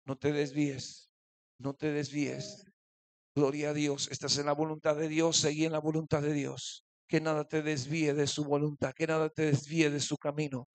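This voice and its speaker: High-voiced Rioplatense Spanish pastor preaching. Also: male voice, little pitch movement, normal speed, hardly any pauses, no echo. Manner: preaching with frequent "aleluya" and "amén" calls to the congregation; humorous asides, acting out little voices in stories. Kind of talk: sermon.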